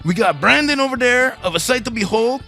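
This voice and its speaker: A man voicing an excitable, crude, goofy radio game show host who eggs players on with sing-song, profane delivery. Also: extremely high pitch, fairly quick, faint music behind, pitched above the performer's own voice, heavily acted. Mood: excited. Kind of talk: radio word game hosting.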